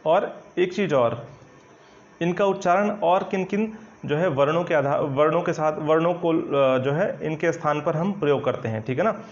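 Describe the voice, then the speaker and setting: A man with a somewhat high voice gives a Hindi grammar lesson and explains each point patiently and step by step. He keeps checking that students follow and fills his pauses with hesitations. The recording sounds dull and lo-fi. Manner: explanatory, repeats "ठीक है ना" often, hesitant fillers. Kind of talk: online coaching lesson at a whiteboard.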